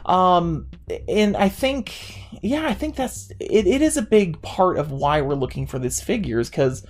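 A man in his thirties co-hosting a casual podcast, talking in an animated way with many restarts and fillers. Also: sits high, a little slow. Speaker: podcast co-host. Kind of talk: casual chat.

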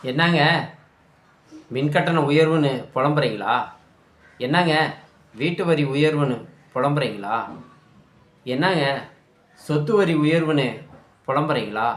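A man ranting in anger about politics, scolding and shouting at his listeners. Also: a little high, expressive, unhurried, pauses often, echoey room. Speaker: political commentator. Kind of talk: angry political rant.

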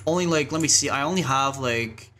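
A man's voice: mid-range voice, brisk, pushed and bright. A man live-streaming a game, chatting casually and rambling with lots of fillers and laughs.

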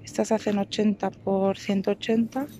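A woman's voice: mid-range voice, little pitch movement, normal speed, mellow, a little hiss or hum. A woman vlogger chatting casually as she walks through a store aisle, hesitating with fillers while she reads product labels. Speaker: shopping vlogger. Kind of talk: casual shop walkthrough. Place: indoors in a large store aisle. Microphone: phone held while filming.

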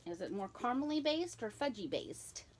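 A young woman hosting a casual snack taste-test vlog, reading the package descriptions aloud in a halting way. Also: a little high, very animated, slight background noise. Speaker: vlogger.

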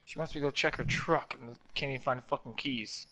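New york guy with a bit of southern in it, swears a lot, sharp bright voice on a headset. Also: mid-range voice, fairly even intonation, fast talker. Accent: New York with a Southern tinge. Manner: swears freely, blunt, offhand. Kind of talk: casual gaming chat. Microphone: headset in online party chat.

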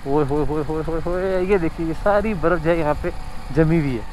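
A fairly high-pitched, slightly mellow male voice speaks briskly as a Pakistani vlogger rides a motorbike outdoors on a snowy mountain road. He chats casually, admires the scenery, and chuckles often. The recording is low-quality with a little hiss or hum.

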